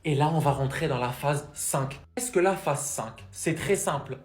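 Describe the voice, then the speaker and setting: A man's voice: fairly high pitch, normal speed. A man giving casual, opinionated football commentary, full of rhetorical questions and direct appeals. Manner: rhetorical, addresses players directly. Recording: echoey, roomy sound.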